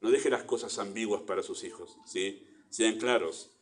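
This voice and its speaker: A man with an Argentine Spanish accent delivers a sermon in a church. His voice sits a little low, and he preaches earnestly, swelling into emphatic bursts and then falling back to quiet asides. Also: normal speed. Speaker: pastor.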